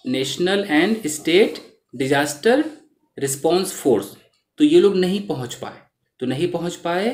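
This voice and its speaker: A man teaching English in Hindi, reading lines from a news article slowly and then explaining the meaning of each word. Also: fairly high pitch, darkish tone, slight background noise. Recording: roomy echo.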